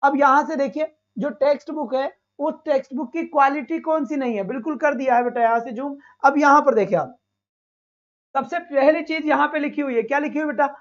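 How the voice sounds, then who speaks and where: A man's voice: very high-pitched, highs cut off. A male teacher leading a live online exam-prep class, coaxing students and answering his own questions.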